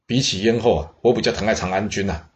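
A man voicing a stubborn, sharp-tongued old queen dowager in a blunt, petulant way. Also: on the low side, fast, lo-fi sound, lightly acted. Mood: grumbling.

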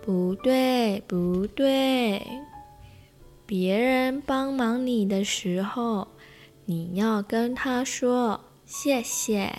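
A woman voicing a small, prim rabbit in a children's storybook, correcting slowly and firmly. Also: a little high, darkish tone, faint music behind. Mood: scolding. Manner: slow corrective scolding.

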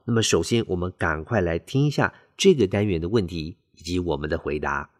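Low-voiced male English teacher. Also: animated, over music. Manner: clear, deliberate explaining. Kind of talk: bilingual language lesson.

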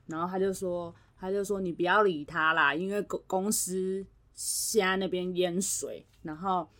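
A woman's voice: lowish voice, normal speed. Woman telling a story animatedly. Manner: animated retelling, acts out quoted voices. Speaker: podcast co-host. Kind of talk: casual chat, storytelling.

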